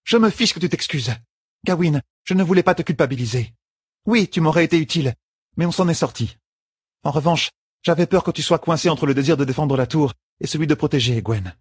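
A man voicing a poised, teasing young queen in an audiobook, with a husky tone and composed delivery. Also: on the high side, a little fast, no room sound, clean studio sound, voice pushed up. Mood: wry. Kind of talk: audiobook character voice.

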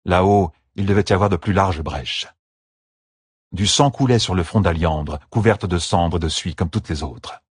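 A man reading an audiobook novel aloud as narrator, in an expressive storytelling manner. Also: deep voice, normal speed, slightly rough, no echo, studio quality. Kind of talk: scripted narration.

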